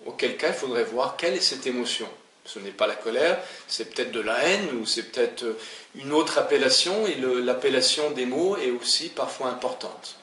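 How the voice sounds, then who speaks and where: A man teaches slowly and patiently, pausing to show each step and repeating the same phrases. His voice is bright and carries a clear room echo, as if he is standing some way from the microphone. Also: medium pitch, distant mic. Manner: calm, explanatory, demonstrates tapping with repeated phrases. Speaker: EFT instructor. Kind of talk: demonstration lesson.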